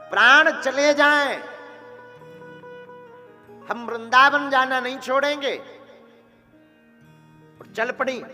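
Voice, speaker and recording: A man telling a devotional story as a sermon, in a slow, emotive manner. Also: high voice, bright, forceful tone. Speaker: religious storyteller. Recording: echoey hall with faint music.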